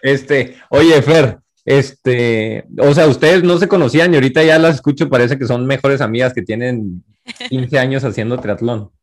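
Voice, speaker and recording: A man's voice: medium pitch, moderate pace. A young man from Tijuana, Mexico, with a Tijuana accent, hosting a casual triathlon podcast interview over a video call, chatty and full of fillers and slang. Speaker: podcast host.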